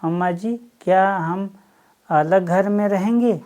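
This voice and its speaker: A woman's voice: medium pitch, slow, mellow, close to an everyday voice. A woman voicing an eager young village boy in a storybook reading.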